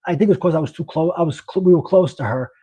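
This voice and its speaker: A man's voice: a little high, rapid-fire, mellow, slightly rough, dry recording, rough recording. A middle-aged man, a former bank manager, telling an off-the-cuff sales story with many restarts and acted-out dialogue. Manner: rambling, self-correcting, acts out quoted dialogue. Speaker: podcast host, former bank branch manager.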